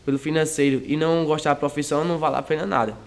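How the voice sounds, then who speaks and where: A teenage male high school student, giving rambling, hesitant interview answers. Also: fairly even intonation, rapid-fire, creaky. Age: teens.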